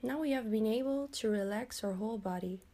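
A woman guiding a progressive muscle relaxation exercise in a slow, soothing, instructional way. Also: a little high, warm tone. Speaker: relaxation guide.

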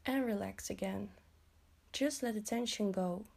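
Woman, relaxation guide; unhurried, mellow, soothing delivery. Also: mid-range voice, vocal fry. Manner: slow, soothing, instructional. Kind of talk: guided progressive muscle relaxation.

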